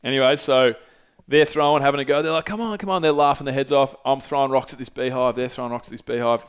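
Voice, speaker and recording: A man's voice: mid-range voice, smooth. A young man casually telling a rambling travel story, swearing freely and using lots of fillers. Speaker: podcast guest telling travel stories.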